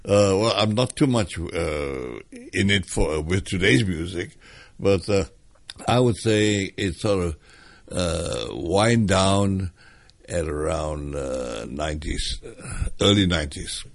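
Low gravelly older man reminiscing. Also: expressive, slow pace, dry recording. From Hong Kong. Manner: hesitant, reminiscing with many fillers. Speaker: interviewee. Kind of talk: oral history interview.

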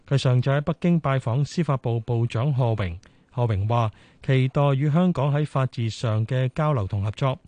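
Male radio anchor, Hong Kong Cantonese, mid-pitched, relaxed tone, close dry studio sound, scripted news. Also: no room sound.

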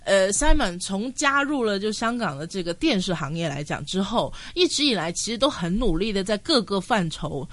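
Lively-pitched woman host. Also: moderate pace, few pauses, no room sound. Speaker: interview host. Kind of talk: casual interview presenting.

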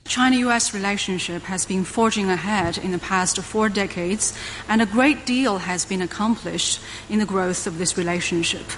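A woman's voice: medium pitch, a little hiss or hum, rough recording. Woman as a live interpreter voice. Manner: live interpreter voice, measured with occasional fillers. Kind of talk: live simultaneous interpretation of a speech.

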